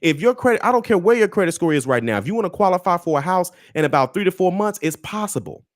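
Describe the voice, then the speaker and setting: A man's voice: high voice, expressive, fast, no room sound, studio quality. An American man giving an emphatic, direct motivational talk as a finance coach, repeating key phrases and putting rhetorical questions to his listeners. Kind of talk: motivational talk to online viewers.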